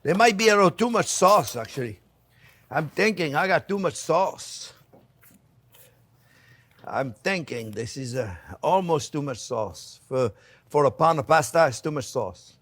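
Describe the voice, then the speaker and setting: Exuberant higher-pitched man. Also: expressive, a little slow, a bit bright. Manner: exuberant, playful, repeats catchphrases, addresses audience as friends. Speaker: chef hosting a cooking channel. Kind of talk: casual cooking demonstration, talking to viewers.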